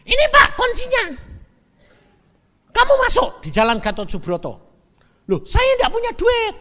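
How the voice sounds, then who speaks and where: A man voicing a frantic middle-aged wife who shrieks her words rapidly. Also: a little high, animated, fairly bright tone, long reverb tail.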